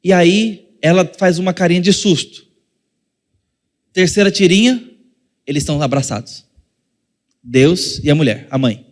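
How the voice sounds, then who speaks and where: A man's voice: sits high, normal speed, pauses often, long reverb tail. A male pastor with a Brazilian Portuguese accent preaching a sermon in a conversational way, acting out little scenes and speaking straight to the congregation. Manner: addresses the congregation directly.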